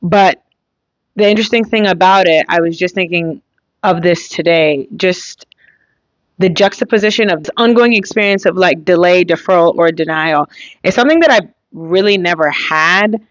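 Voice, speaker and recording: A woman's voice: fairly low pitch, moderate pace, no echo, muffled recording. A young woman hosting a casual solo podcast, talking in a chatty, rambling way with lots of fillers and trailing thoughts. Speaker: podcast host.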